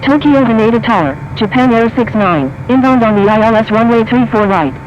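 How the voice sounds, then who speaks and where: A man as a high-voiced pilot on cockpit radio. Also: brisk. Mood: calm. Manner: clipped, formal radio phrasing. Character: male airline pilot on the radio. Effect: pilot radio call over a cockpit headset. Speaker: airline pilot reading back instructions. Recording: muffled radio with faint noise.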